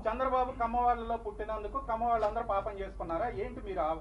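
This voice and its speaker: A male reporter pushes back on a speaker, cutting in politely with challenging questions. He talks very quickly in a high register. His voice is muffled and sounds distant in an echoing room. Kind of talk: pressing interview questions. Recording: dull, echoey, distant sound.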